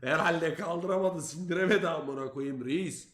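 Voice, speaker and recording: A young man telling a story to his stream chat in a casual, animated, profane way, loudly acting out his own lines. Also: fairly high pitch, normal speed, very noisy. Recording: roomy echo.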